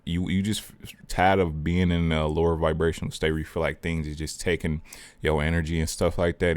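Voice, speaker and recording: Brief: deep-voiced male host of a spiritual vlog, casual and slangy, digresses and restarts, dry close sound. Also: no room sound. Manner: rambling, digressive, self-interrupting; slangy and conversational. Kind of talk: casual spiritual talk to camera.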